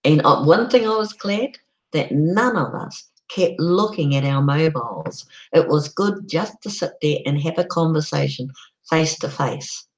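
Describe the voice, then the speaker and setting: On her own live stream, a middle-aged woman chats in a slow, relaxed way, often pausing on an "um" before continuing. Her deep, croaky voice has lively intonation, though the audio quality is poor.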